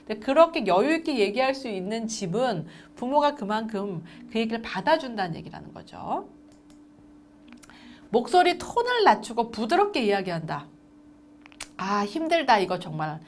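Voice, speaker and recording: A middle-aged woman lectures a room of parents in a fairly high, very animated voice that leaps up and down as she slips in and out of little parent-and-child exchanges. A faint ambient hiss sits under her speech. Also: moderate pace. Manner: lively, acts out parent and child dialogue.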